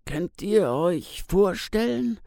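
A man voicing a troubled father who recalls a harsh childhood at school, with a halting, emotional delivery. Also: high-pitched, lively intonation, vocal fry, a little mellow, no echo, studio quality, voice pushed up, heavily acted. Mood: pained. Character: troubled adult father haunted by school beatings.

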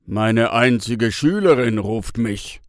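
A man reading a children's story, voicing a friendly, cheerful grown man in a warm, loud way. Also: medium pitch, lively intonation, slow pace, no room sound, studio quality. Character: friendly adult man, cheerful monastery tenant.

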